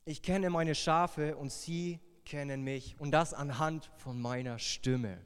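Young guy youth pastor, kinda high voice, preaching playful then hushed, long hall echo. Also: slow, clear, resonant tone. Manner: lively, playful, drops into a hushed voice for tender lines. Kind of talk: sermon.

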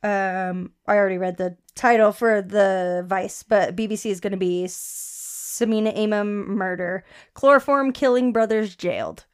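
A woman's voice: mid-range voice, measured pace, smooth. A young woman co-hosting a casual podcast, reading an article aloud, swearing and stumbling over words. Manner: laughs often, swears, stumbles while reading. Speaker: podcast co-host.

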